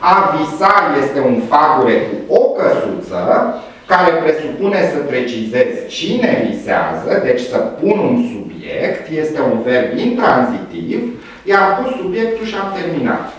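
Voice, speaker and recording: Man lecturing in an echoey classroom. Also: medium pitch. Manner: lively, playful explanations with sound effects. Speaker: university lecturer. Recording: echoey room from far off.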